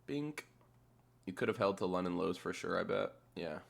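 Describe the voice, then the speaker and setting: A man's voice: low voice, little pitch movement, quick pace, creaky. A man giving casual screen-share commentary as a trader, thinking aloud in an offhand, muttering way with casual swearing. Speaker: trader narrating a chart replay.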